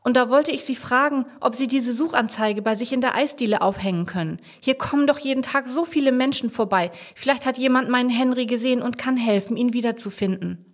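A woman's voice: on the high side, fairly quick, few pauses, voice pushed up. Flustered, fretful older lady, voiced by a woman. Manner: breathless, fretful.

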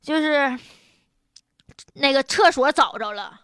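A woman's voice: high-pitched, animated, slow, background noise. A woman with a Northeastern Mandarin accent hosting humorous, colloquial news commentary in a blunt, opinionated way. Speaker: host of a news commentary show.

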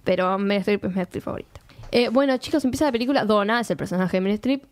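A young woman, co-hosting a casual chat show and telling her story in an animated, chatty way. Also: mid-range voice, rapid-fire. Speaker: co-host, film reviewer.

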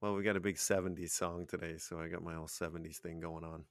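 A man with a very deep voice co-hosts a casual podcast chat. He is playful and jokey, and often drops in goofy asides. The sound is dry and close-miked. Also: level tone, fast, no echo. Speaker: podcast co-host.

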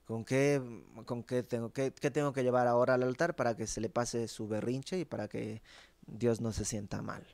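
A man's voice: medium pitch, flat delivery, moderate pace, creaky, a little mellow, no echo, natural voice. A man voicing a sarcastic, grumbling adult man who mocks with exasperated questions, in a dry recording.

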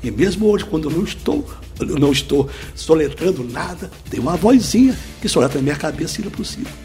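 A middle-aged man, explaining a teaching method as an interview guest through lively step-by-step examples. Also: fairly high pitch, quick pace, soft background music. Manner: lively, didactic, full of examples. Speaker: speed-reading teacher, guest.

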